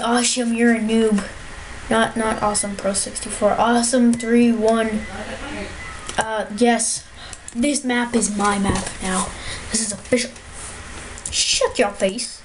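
A woman giving gameplay commentary, excitable and full of trash talk. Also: mid-range voice, background noise. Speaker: gamer.

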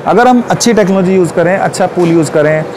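A man in his forties giving a confident, persuasive sales pitch at a stall in a large exhibition hall. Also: fast talker, noisy background. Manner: confident, persuasive, gestures while explaining. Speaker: pool company representative.

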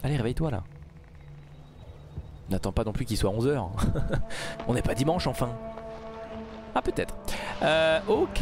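A man giving casual let's play commentary, mumbling then bursting into loud outbursts. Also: lowish voice. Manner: excitable, swings from mumbling to outbursts. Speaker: gaming YouTuber.

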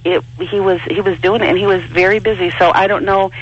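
A woman chatting casually as a phone-in caller, a little halting as she repeats words, over a phone line. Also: mid-range voice, steady tone, a little hiss or hum. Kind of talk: casual chat.

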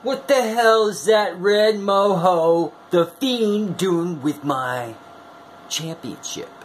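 This man's voice sits high and expressive as he, a wrestling-fan video host in his forties, hams it up like a bombastic showman in a theatrical promo to camera. He stretches his words and breaks into sudden whoops, recorded in a small room at home with slight background noise.

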